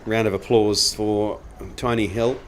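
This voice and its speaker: A man giving casual, jokey live cricket commentary from an outdoor ground, breaking into excited play-by-play. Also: on the low side, unhurried, a little hiss or hum.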